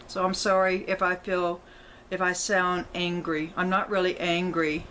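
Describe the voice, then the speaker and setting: Here a middle-aged vlogger addresses her audience in an emotional, near-tearful ramble, full of apologies and self-corrections. She speaks lowish and a little slowly with little pitch movement and a bit of brightness, on a rough recording with slight background noise.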